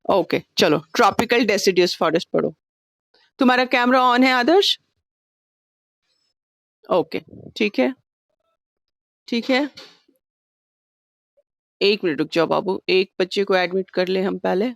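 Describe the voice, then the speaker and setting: A woman's voice: mid-range voice, expressive, unhurried, gravelly, long pauses, dry recording. A woman teaching an online class, patient and coaxing with her students, mixing English terms into her talk over a video call. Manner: mixes Hindi with English terms.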